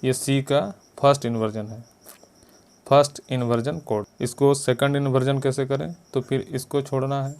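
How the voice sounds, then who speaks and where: A man's voice: mid-range voice, little pitch movement, moderate pace. A man teaching piano step by step, patiently repeating finger counts and note names. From India. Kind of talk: step-by-step music lesson. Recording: loud piano behind voice. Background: loud piano playing.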